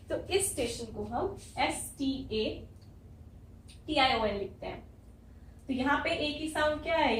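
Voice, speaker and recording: An Indian woman teaching English in a high voice, patiently spelling out letters and repeating sounds slowly. She is recorded from some distance in an echoey classroom. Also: a little hiss or hum. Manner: slow, spelled-out pronunciation drills. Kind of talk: spoken English lesson. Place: classroom with a board. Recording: echoey room, mic at a distance.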